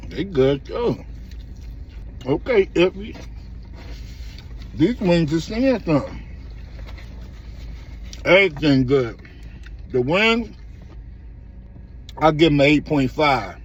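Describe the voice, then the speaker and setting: A man's voice: on the high side, animated, slow pace, pauses often, lo-fi sound. A man giving a casual food review while eating, with slangy, laid-back, clipped remarks. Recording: off-mic, faint car background noise.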